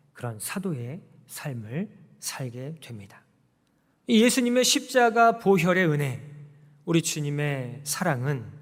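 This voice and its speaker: A man preaching a sermon as pastor, telling a story with emphatic rises and acting out quoted prayers. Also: fairly high pitch. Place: church sanctuary. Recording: long church hall reverb.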